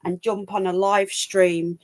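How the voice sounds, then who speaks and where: This livestream call-in host speaks slowly in a level, medium-pitched voice with a darkish tone. Broadcasting from home through her laptop mic, she chats frankly and rambles, sounding slightly congested from a cold.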